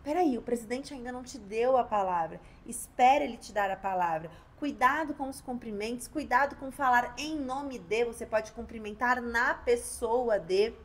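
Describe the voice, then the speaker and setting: Speaking to the camera in a fairly high voice, a woman labor lawyer coaches viewers with advice. She varies her pace and volume on purpose, pauses for emphasis, and performs courtroom lines as examples of how to speak.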